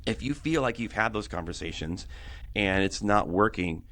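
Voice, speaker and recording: Middle-aged male pastor guest, earnest, rambly, restarts a lot, lower register. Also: lively intonation, normal speed, a bit bright. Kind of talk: casual podcast conversation.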